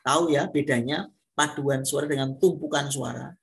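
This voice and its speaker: A man's voice: medium pitch, normal speed, creaky. A man giving a classroom lecture on singing, explaining step by step and posing rhetorical questions to his students. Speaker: music lecturer.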